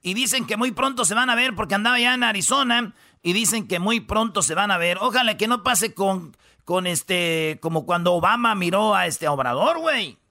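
Mexican male comic radio host: raspy, high-pitched, slangy, jokey. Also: lively intonation, moderate pace, sharp tone. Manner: joking, slangy banter, drops "güey" often. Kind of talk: comedic news countdown.

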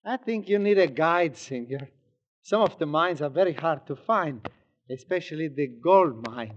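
Brief: male actor as a courtly old Mexican guide, high and silky, old-time radio drama. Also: lively intonation, normal speed, slight background noise, lightly acted. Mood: sly. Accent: Mexican Spanish. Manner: smooth, courtly, ingratiating. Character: older Mexican man, sly guide and landowner. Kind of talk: 1940s radio acting. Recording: dull lo-fi old radio broadcast.

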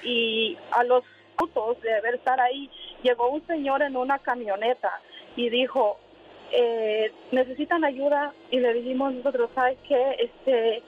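A woman's voice: fairly high pitch, fairly even intonation, measured pace, a little hiss or hum. A woman calling in from her car, telling a personal story with many hesitant fillers. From Honduras. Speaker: caller. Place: in a moving car. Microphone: phone. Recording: tinny phone line.

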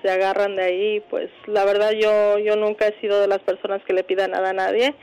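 A woman's voice: mid-range voice, little pitch movement, a little fast, darkish tone, clean tone, poor audio. A woman calling in to a radio show, speaking hesitantly. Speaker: caller.

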